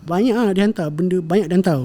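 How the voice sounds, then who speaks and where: A man's voice: sits high, fast, dark tone. A young man, telling a family story as a podcast guest, with many fillers and self-corrections. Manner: rambling retelling with frequent fillers and self-corrections, mixing in English words. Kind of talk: casual storytelling conversation.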